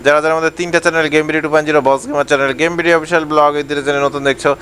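A man hosting a gaming channel, giving rapid repeated driving calls in casual game commentary over a headset. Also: fairly high pitch, level tone, fairly bright tone, a little hiss or hum.

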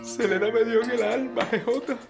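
Neurotic young nerd, whiny melodramatic lovesick, venezuelan accent, telenovela music behind. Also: male voice, very high-pitched, moderate pace, creaky. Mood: lovesick despair. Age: young adult. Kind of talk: telenovela comic acting.

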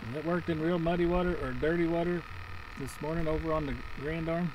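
Fishing guide, drawl, far off the camera mic, heavy frog and outdoor noise. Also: male voice, fairly high pitch, a little fast. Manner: excited play-by-play, coaxing the fish. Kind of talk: casual on-the-water fishing commentary. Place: outdoors on a boat on a lake. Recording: distant outdoor mic, loud frog croaks behind.

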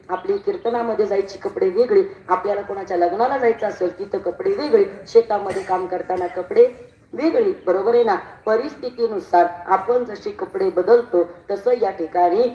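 A woman's voice: medium pitch, normal speed. Woman, devotional preacher, calls out to the audience, acts out characters, echoey room, distant mic. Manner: acts out story characters in a rising voice. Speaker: kirtan preacher. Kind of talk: devotional sermon. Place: village bhajan gathering. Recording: roomy, distant, dull live recording.

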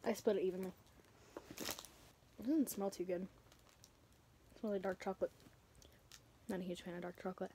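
A young woman co-hosting a casual snack taste test, soft-spoken and hesitant, with wry little remarks. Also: mid-range voice, steady tone, moderate pace, pauses often, slight background noise. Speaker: co-host.

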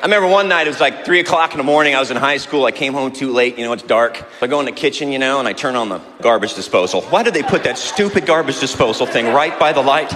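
A man doing stand-up comedy, telling animated stories and shouting shrill impressions of his mother. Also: fast talker, few pauses, in a large hall. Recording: live stage recording with loud crowd and noise.

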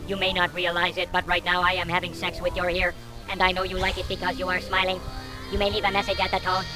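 A man doing a flat robot-voiced alien answering machine. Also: high-pitched, fast, over loud music, low-quality recording. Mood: deadpan robotic. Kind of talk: comedy answering machine message.

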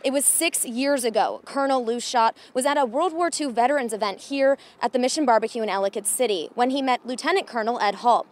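Higher-voiced young American woman reporting. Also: fast, hardly any pauses. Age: young adult. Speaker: TV news reporter. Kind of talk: live field report and scripted narration. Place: outdoors on a street in front of a restaurant. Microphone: handheld reporter microphone.

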